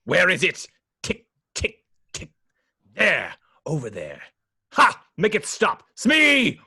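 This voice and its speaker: A man acting a melodramatic, sulking, unhinged pirate captain in a script table read, theatrically swinging between whispers and shouts. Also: high-pitched, huge pitch swings, slow pace, vocal fry, slightly rough, no room sound, clean studio sound, full character voice. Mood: frantic, paranoid.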